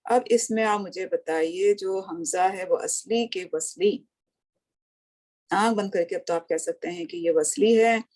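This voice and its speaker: Woman teacher, unhurried and patient, mid pitch, question-and-answer lesson style. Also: a little mellow. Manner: asks questions and answers them herself; slow, patient, drawn-out recitation of words. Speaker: Arabic grammar teacher. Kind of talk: recorded lesson, explaining line by line.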